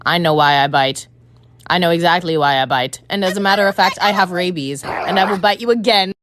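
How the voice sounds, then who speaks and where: A woman voicing a rabid dog who flatly admits it bites. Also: lowish voice, fairly quick, heavy background noise, natural voice. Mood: menacing. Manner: deadpan, then threatening. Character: rabid biting dog, menacing and blunt.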